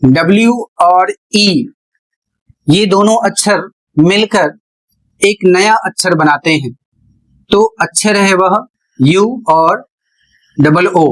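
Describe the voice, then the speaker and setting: Slow and leaving long pauses, a high-voiced man teaches English pronunciation in an explanatory lesson. He explains patiently, one step after another, and spells words out letter by letter. The recording is of low quality.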